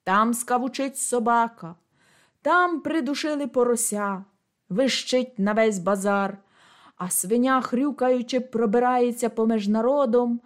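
A woman reading a classic story aloud as scripted narration, measured and lively in delivery. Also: fairly high pitch. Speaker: audiobook reader.

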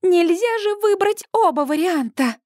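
A woman reading an audiobook voices an anxious young female friend who gets alarmed and cries out in shrill, upset tones. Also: lively intonation, unhurried, a little mellow, dry recording, clean studio sound. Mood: shrieking. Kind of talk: audiobook character voice.

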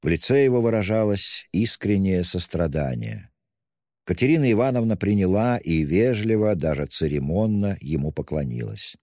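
A man reading an audiobook in a measured, even narration. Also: deep voice, dry recording, studio quality.

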